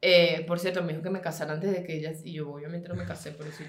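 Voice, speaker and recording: A woman with a Venezuelan accent co-hosting a podcast, chatting casually in an animated way, swearing freely and laughing as she tells stories. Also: fairly low pitch, quick pace, reverberant, background noise. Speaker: podcast co-host. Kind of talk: casual chat.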